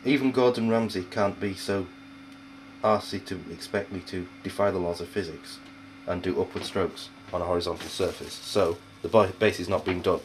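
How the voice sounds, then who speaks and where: A man's voice: sits low, a little hiss or hum. A young man, cooking on camera and grumbling in bemused, exasperated chat. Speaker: amateur cook.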